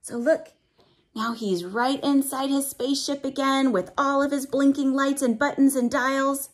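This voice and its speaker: Reading a picture book to young children, a woman draws out the rhymes with expression and slips in simple teacher-like explanations and questions. Her voice is high-pitched and fairly even in intonation, and she's unhurried.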